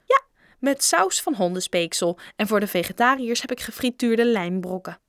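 A woman's voice: medium pitch, sing-song, moderate pace, a bit bright, dry recording, clean studio sound. A woman voicing a kindly old female school dinner lady in a storybook reading, sweet and motherly.

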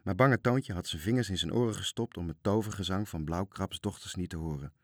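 A man reading a children's story aloud in a calm, even storytelling manner. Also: sits low, a little fast, no echo, clean studio sound.

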